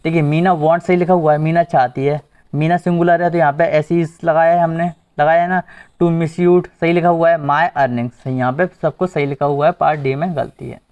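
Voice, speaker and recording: A man's voice: a little high, fairly even intonation, normal speed, clean tone. A male teacher giving an exam-prep grammar lesson, asking the class questions and repeating the answers. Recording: dull lo-fi recording.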